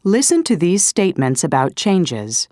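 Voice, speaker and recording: A woman reads out lesson instructions slowly and deliberately, her voice rather low and rising and falling widely. The recording is close and dry. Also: very animated, a little mellow, no echo. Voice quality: measured, announcing instructions. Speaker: course narrator. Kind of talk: scripted lesson narration.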